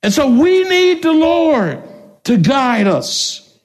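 A man pastor preaching a sermon, shouting out prayers, laughing between lines, speaking. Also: very high voice, big pitch swings, slow.

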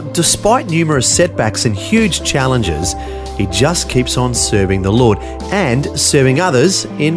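A man, hosting a show and reading a scripted introduction in an upbeat presenter manner. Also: medium pitch. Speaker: host. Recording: music bed under the voice. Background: guitar music bed.

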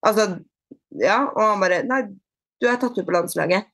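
A woman being interviewed on a podcast, chatting casually, with many fillers and restarts and lively retold dialogue. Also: mid-range voice, no echo, clean studio sound. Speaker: podcast guest, bodyfitness athlete.

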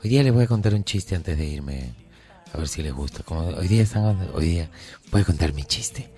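A man playing a mystic male astrologer who reads the horoscope in a low, slow, solemn voice. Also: lively intonation, mellow. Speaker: horoscope reader.

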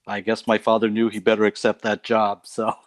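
Low-voiced man telling stories, dry sound. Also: brisk, dry recording. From Canada. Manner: relaxed storytelling with light laughs. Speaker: guest. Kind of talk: casual testimony interview.

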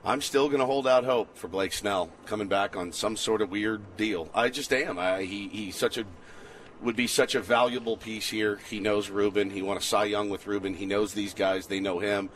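A sports radio co-host trades casual sports talk on an outdoor patio at a ballpark complex, stating opinions emphatically and repeating short phrases for weight. His voice is on the low side, steady, and fairly bright, at normal speed. Ambient background noise comes through clearly.

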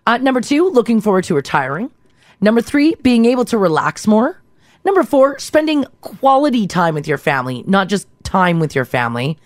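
A woman's voice: mid-range voice, sing-song, moderate pace, no room sound, studio quality. A woman in her thirties co-hosting a casual radio talk show, reading out poll stats and listener texts. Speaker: radio co-host.

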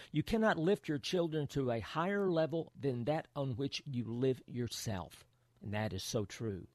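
A man with a medium-pitched voice hosts a radio program. He delivers a scripted patriotic monologue with earnest, oratorical phrasing and rhetorical questions, in a dry studio sound. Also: a little mellow, no room sound.

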